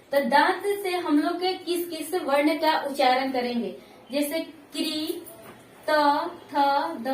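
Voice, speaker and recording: A woman with a high voice teaches a lesson, repeating each point and checking that her students follow. She is heard from a distance, and her voice echoes around the room. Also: a little hiss or hum. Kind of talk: classroom lesson.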